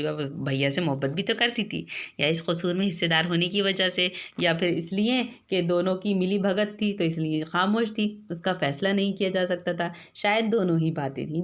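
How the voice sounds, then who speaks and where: A woman teacher reading a textbook story aloud to her class and stopping to explain words and check that they follow. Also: lowish voice. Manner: breaks off the reading to explain words, asks "hai na?". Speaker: school teacher.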